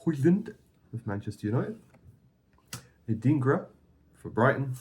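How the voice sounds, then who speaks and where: A playful man co-hosting a card pack opening. His pitch swings around a lot as he calls out each card in a casual, bantering commentary. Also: very animated, unhurried, darkish tone. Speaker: co-host opening football card packs.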